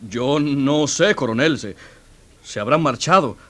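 An actor playing a frightened young guide who answers haltingly and quietly in a radio drama. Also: male voice, medium pitch, expressive. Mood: nervous. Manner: hesitant, halting, quiet and nervous. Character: frightened young male guide, hesitant and evasive.

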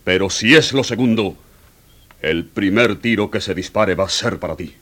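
A man's voice: very animated, normal speed. An actor playing a stern, suspicious colonel who threatens his guide in a radio drama. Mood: threatening. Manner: stern, threatening, swings from low growl to sharp command. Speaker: army colonel.

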